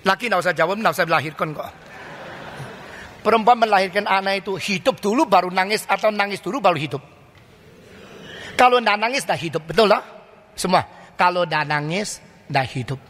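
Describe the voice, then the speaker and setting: Older pastor preaching in a ringing hall. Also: male voice, high-pitched, brisk, long pauses, a bit bright. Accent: Indonesian. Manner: preaching with rhetorical questions and mock dialogues, colloquial asides. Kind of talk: sermon. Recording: long hall reverb.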